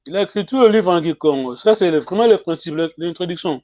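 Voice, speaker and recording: A man teaching a live-streamed language lesson, reading aloud slowly, switching languages and laughing often. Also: high voice, expressive, dull audio.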